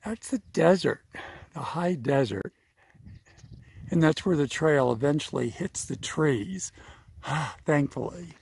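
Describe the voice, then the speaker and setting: Slow, gravelly man panting on a trail. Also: a little high, animated, darkish tone. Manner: thinking aloud while hiking. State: out of breath. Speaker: vlogger. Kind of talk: outdoor hiking vlog narration. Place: outdoors on a mountain trail.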